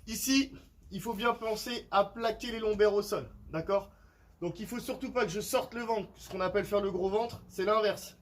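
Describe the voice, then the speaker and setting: High-voiced man coaching a home workout. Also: slight background noise, rough recording. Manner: demonstrating exercises while explaining, with frequent "d'accord?" checks. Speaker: fitness coach. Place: outdoor terrace at home.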